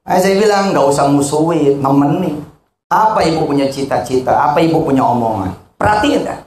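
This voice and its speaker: A man preaching a lively, joking sermon to a congregation. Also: brisk, echoey room, a little hiss or hum. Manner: animated, joking, swings between high and low.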